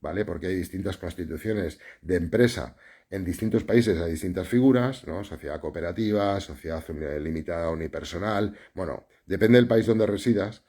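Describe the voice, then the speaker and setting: Low, husky Spanish man. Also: moderate pace, mellow. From Spain. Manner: conversational, explanatory, many fillers and tag questions. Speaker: journalism teacher answering live questions. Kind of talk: casual live stream Q&A.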